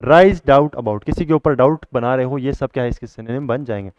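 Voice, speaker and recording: A man's voice: mid-range voice, a little fast, a little mellow, smooth, no echo, highs cut off. A male teacher giving a vocabulary lesson. He keeps asking the class a question and then answering it himself.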